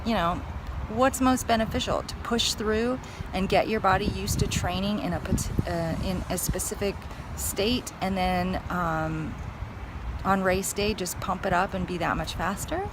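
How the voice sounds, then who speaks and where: A fitness vlogger chats casually to the camera in a mid-range, fairly even, unhurried voice, thinking aloud in a hesitant, musing way. Vehicle and outdoor noise is clearly audible in the recording.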